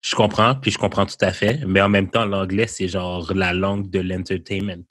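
A young man with a Québécois French accent in a casual chat, lively and laughing, slipping English phrases into his French. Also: low-pitched, moderate pace, dry recording, clean studio sound.

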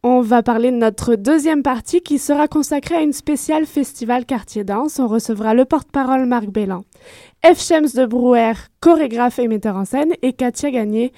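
A woman with a high, bright voice hosts a radio talk show. She introduces guests and topics with cheerful energy. The recording is dry and close. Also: moderate pace, no echo.

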